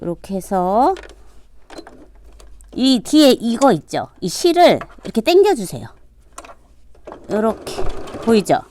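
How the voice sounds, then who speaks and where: A middle-aged woman teaching a sewing class, talking casually as she demonstrates each step and dropping to a quiet murmur while she stitches. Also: a little high, sing-song, slow, long pauses, slight background noise. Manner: demonstrative, repeats "like this" while working. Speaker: sewing instructor. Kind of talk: casual hands-on sewing tutorial. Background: sewing machine running.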